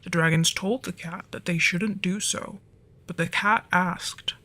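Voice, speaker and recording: In an ASMR roleplay, a performer whose sex is unclear voices a flirty dragon storyteller who gets flustered easily. The voice is soft, breathy, and medium-pitched, often dropping into whispers, with fairly even intonation and a measured pace. The mood is gentle, storytelling.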